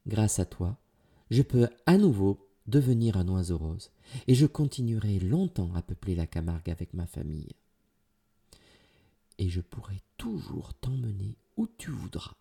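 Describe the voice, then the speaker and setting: A man voicing a gentle magical pink bird. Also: lowish voice, very animated, a little slow, creaky, slightly rough, exaggerated voice. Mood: grateful.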